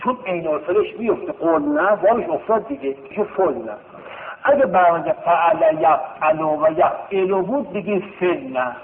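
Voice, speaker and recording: A male teacher giving a classroom grammar lesson, drilling verb forms in a slow sing-song chant and checking with rhetorical questions. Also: a little high, lively intonation, slight background noise. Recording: tinny phone-like sound in a reverberant hall.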